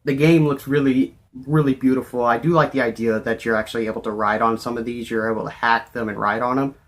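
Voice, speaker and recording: A man's voice: medium pitch, steady tone, quick pace. A man giving casual, unscripted video game commentary as a vlogger, in an overexcited, gushing way, often repeating himself.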